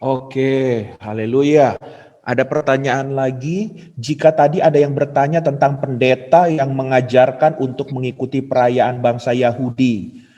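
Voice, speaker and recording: A man's voice: medium pitch, fairly even intonation, a little slow, warm tone. A man hosting a church discussion, reading out questions and summing up the speaker's points in a conversational way. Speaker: host. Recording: dull reverberant hall sound.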